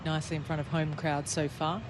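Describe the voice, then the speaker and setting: A man with a slightly high voice gives golf commentary as an analyst, talking through play in a conversational way. Noticeable open-air course noise sits behind him. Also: flat delivery, fairly quick. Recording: clear outdoor background noise.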